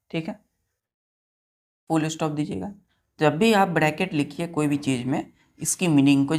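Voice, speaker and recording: An Indian woman teacher giving a science lesson. She dictates slowly, spells words out letter by letter and keeps asking her students questions. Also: low-pitched, darkish tone. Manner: quizzes students with repeated questions.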